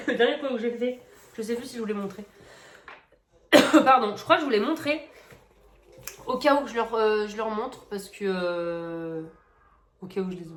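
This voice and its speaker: Chatty woman rambling through a coloring vlog. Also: on the high side. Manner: chatty, rambling with many fillers. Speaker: coloring vlogger. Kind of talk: casual chat.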